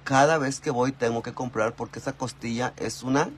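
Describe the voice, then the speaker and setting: A man's voice: mid-range voice, fairly even intonation, fairly quick, a little hiss or hum. Rambling Mexican man, casual chat. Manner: rambling, repeats himself, calls listener "mi amor" and "güey". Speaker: vlogger.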